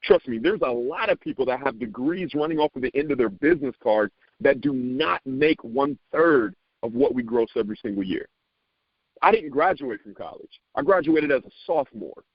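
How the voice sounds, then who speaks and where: This medium-pitched man speaks at a normal speed while firing up a sales team, preaching with animation, echoing his own phrases and stumbling when he gets worked up. The audio has a lo-fi quality and no echo.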